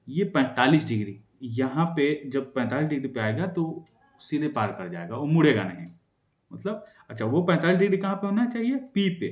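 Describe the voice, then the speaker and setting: A young male tutor runs through exam questions at a quick clip, posing each one and answering it himself. His fairly high voice rises and falls a lot, and it rings in a roomy, echoey space. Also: darkish tone. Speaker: teacher. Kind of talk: exam-prep science lesson.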